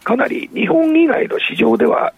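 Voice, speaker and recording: Hoarse male market reporter, high and gravelly, polite and measured. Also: narrow, tinny audio. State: hoarse, sore throat. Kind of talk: radio market commentary.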